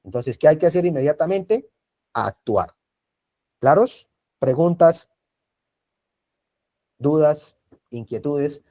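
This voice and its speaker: A man's voice: a little high, animated, slow, long pauses, dark tone. A man teaching an online first aid class over a video call, repeating key points and checking in with the class. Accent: Colombian Spanish. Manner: repetitive, checks in with frequent tag questions.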